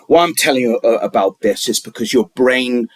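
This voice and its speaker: In a dry recording, a medium-pitched man offers unscripted wellness advice. He halts and rambles, restarting often and leaning on fillers.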